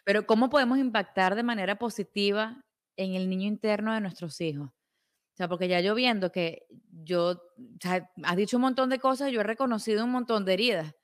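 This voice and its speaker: A woman's voice: mid-range voice, brisk. A woman hosting an interview, asking questions in a hesitant way and searching for her words. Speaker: interview host. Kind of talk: conversational interview.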